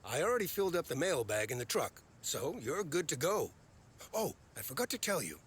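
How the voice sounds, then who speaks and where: An actor playing a friendly middle-aged mail coworker in a story game, with a husky, easygoing voice. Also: male voice, on the high side, big pitch swings, a little fast, heavily acted.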